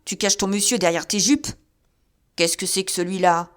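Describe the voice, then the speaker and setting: A woman voicing a delirious drunk man who yells frantically in rough slang. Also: mid-range voice, unhurried, close to an everyday voice. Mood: raving.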